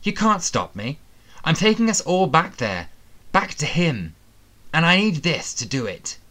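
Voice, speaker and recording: A man voicing a furious, violent young man who shouts menacing demands in an audiobook. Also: fairly high pitch, sing-song, moderate pace, pitched above the performer's own voice.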